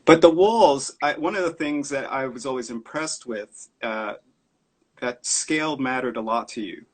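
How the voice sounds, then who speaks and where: Male host, husky, eager, rambling questioner on a video call. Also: mid-range voice, moderate pace. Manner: enthusiastic, asking long rambling questions. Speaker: interviewer host. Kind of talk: interview over video call. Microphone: laptop webcam on a video call.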